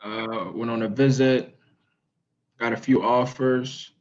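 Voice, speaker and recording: A teenage high school football player from Maryland giving brief, hesitant interview answers with many "um"s and a polite "yes, sir". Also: male voice, fairly even intonation, slow, a little mellow, dull audio. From Maryland, USA. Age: teens.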